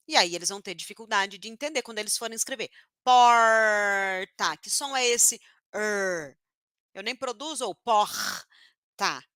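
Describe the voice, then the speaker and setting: Bright-voiced Brazilian teacher from Paraná. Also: female voice, medium pitch, no echo, clean studio sound. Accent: northern Paraná Brazilian Portuguese. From northern Paraná, Brazil. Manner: demonstrates sounds slowly and repeats them. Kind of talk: live online phonetics lesson.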